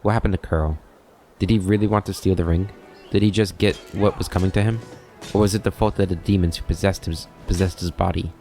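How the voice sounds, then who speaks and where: A grieving woman paladin who bitterly mocks herself for failing the people she should have protected, as a man reads her lines aloud in a low voice. She is a role-playing game character. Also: fairly even intonation, a little fast, mellow, soft background music. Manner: bitter, self-mocking.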